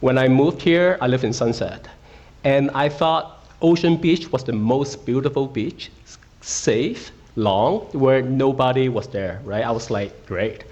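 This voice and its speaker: In a school auditorium, a middle-aged guest speaker from Hong Kong poses questions to the audience and keeps checking in with "okay." He talks at a measured pace in a slightly mellow, mid-range voice, and the recording is muffled.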